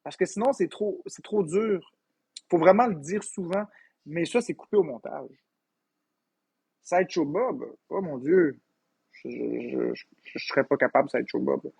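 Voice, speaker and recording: A Québécois man, an impressionist, talks casually and mocks himself, stumbling over his words now and then. His voice is fairly high and a little husky, with a dry sound. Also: moderate pace, a little mellow, no echo. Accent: Québécois French. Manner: chatty, self-mocking, stumbling restarts. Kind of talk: casual explanation to camera.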